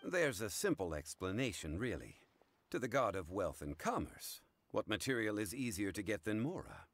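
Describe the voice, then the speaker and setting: Unruffled scholarly gentleman: very low voice, expressive melody, formal phrasing, game dialogue. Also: normal speed, a little hiss or hum. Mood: genial, assured. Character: calm, learned, courteous gentleman of refined wisdom. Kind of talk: English game voice acting.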